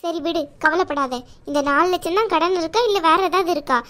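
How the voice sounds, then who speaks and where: Woman voicing a middle-aged cartoon aunt, firm, bossy, affectionate, high-pitched. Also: brisk, a bit bright. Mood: firm caring. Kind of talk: cartoon voice acting.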